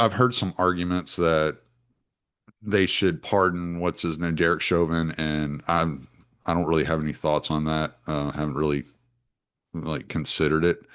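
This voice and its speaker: A man's voice: a bass voice, fairly bright tone, clear, resonant tone. A man, hosting a solo podcast in a rambling, casual way full of restarts and fillers. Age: 40s. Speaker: podcast host.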